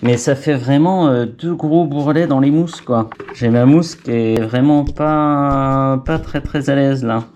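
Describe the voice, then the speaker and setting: Mellow-voiced man muttering while he works. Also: medium pitch, a little slow, hardly any pauses, lo-fi sound, a little hiss or hum. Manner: chatty, muttering to himself, self-mocking. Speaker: vlogger fitting a helmet intercom. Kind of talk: casual talk to camera while working.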